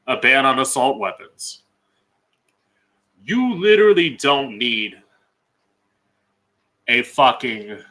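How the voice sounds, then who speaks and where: Drag queen host, American man: slow-paced, bright and sharp, blunt opinionated solo commentary. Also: mid-range voice. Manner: blunt, emphatic, frequent swearing.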